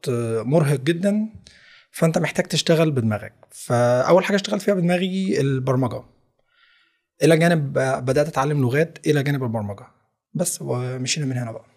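Egyptian man in his thirties, talking fast. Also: medium pitch, a little mellow. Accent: Egyptian Arabic. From village near Tanta, Egypt. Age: 30s. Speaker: podcast guest, English teacher and entrepreneur. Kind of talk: casual interview chat.

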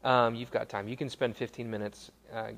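A young adult man, a college pastor, giving a casual sermon to students, talking conversationally with quick self-corrections and asides. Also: medium pitch, level tone, gravelly, fairly bright tone. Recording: long hall reverb.

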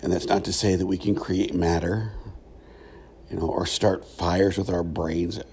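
A middle-aged man with a gravelly voice giving a reflective solo podcast monologue, thoughtful and halting, with frequent pauses. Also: low-pitched, flat delivery, background noise. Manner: thoughtful, halting, pausing often. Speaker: podcast host, former pastor.

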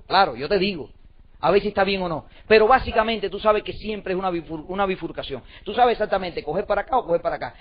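Fast, high-voiced man giving an emphatic pep talk. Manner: emphatic, repetitive, rhetorical questions. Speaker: motivational speaker. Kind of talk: motivational talk to an audience. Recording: dull lo-fi recording.

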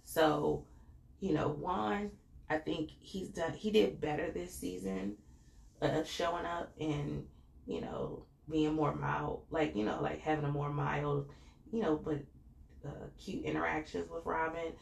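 Gravelly low-voiced woman, chatty podcast host. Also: fairly even intonation, unhurried, a little mellow, reverberant. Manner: chatty and slangy, with many fillers. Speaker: podcast host reviewing a reality show. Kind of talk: casual chat.

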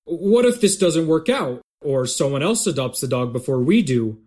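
A man's voice: fairly high pitch, big pitch swings, normal speed, a little mellow. A man playing a fussy, hesitant dad. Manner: hesitant, with many uhs. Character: cautious, fussy family dad. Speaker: father.

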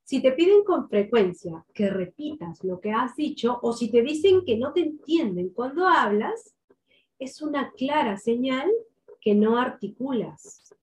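Woman speaking coach, slightly high voice, unhurried, precise diction, instructional. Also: lively intonation. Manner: slow, deliberate, clearly articulated delivery. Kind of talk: instructional tips to camera.

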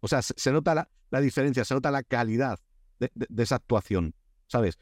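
A Korea expert from Spain, guesting on a casual podcast, tells animated stories full of fillers and restarts. He has a Spanish accent and a medium-pitched voice and speaks fairly quickly, on a dry, studio-quality recording.

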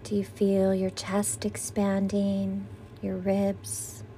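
Slow, mellow woman guiding a meditation. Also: mid-range voice, monotone, slight background noise. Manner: soothing, gentle, breathy exhales on breathing cues. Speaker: guided meditation teacher. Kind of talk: guided meditation narration, like a sleep story narrator.

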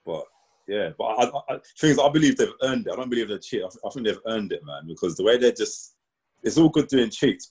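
A man's voice: on the low side, husky, poor audio. A man with a London roadman accent chatting casually and telling stories in urban slang. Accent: London roadman, multicultural urban slang. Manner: slangy, animated storytelling with 'bro' and 'man'. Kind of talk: casual group chat.

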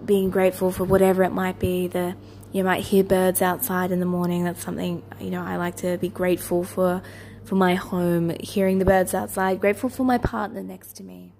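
A woman's voice: on the low side, little pitch movement, a little fast, gravelly. Woman guiding a soothing meditation, noisy background. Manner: soothing, gentle, lulling, with repeated soft instructions. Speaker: meditation teacher, host of a daily guided meditation. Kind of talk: guided meditation narration.

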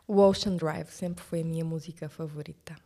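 A young woman from Verde, speaking as a guest in a relaxed, reflective podcast interview. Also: deep voice, moderate pace. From Cape Verde. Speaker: guest, TV presenter.

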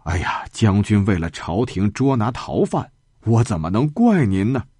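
A man's voice: on the low side, very animated, moderate pace, dark tone, husky, no echo, clean studio sound. A man voicing a crafty, friendly old man in a spoken storybook, talking in a sly, coaxing way.

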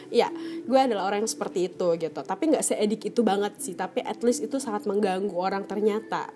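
A woman's voice: fairly high pitch, dark tone. A young woman from Indonesia, hosting a podcast and telling a personal story in casual talk, speaking chattily and laughing often while addressing her listeners. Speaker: podcast host.

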